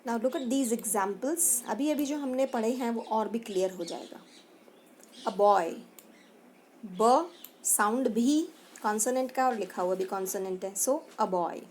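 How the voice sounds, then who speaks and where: A woman's voice: fairly high pitch, takes it slowly, a little mellow, slight background noise. A woman teacher with an Indian accent giving a grammar lesson, mixing Hindi and English and spelling words out letter by letter. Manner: mixes Hindi and English, addresses pupils as beta. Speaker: school teacher.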